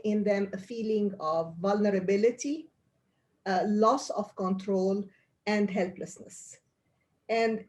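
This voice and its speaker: Here the Egyptian pediatrician, a middle-aged woman, has a medium-pitched voice with a dark tone. As an interview guest she explains things earnestly, restarting often.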